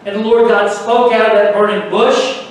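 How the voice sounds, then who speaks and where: A man's voice: high-pitched, fairly even intonation, moderate pace, slight background noise. A man preaching a sermon with emphatic rhetorical questions, recorded from far off in an echoey room.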